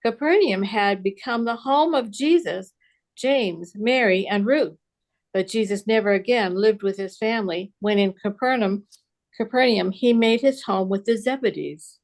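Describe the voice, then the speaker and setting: A woman's voice: medium pitch, moderate pace, darkish tone. A woman reading a passage aloud to a study group, careful and unsure of some names.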